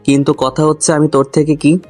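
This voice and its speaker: Fairly high in pitch yet darkish in tone, a man's voice recounts a comic love story in the first person, flat and fairly quick. Grumbling, he speaks directly to his listener, and music sits beneath the recording.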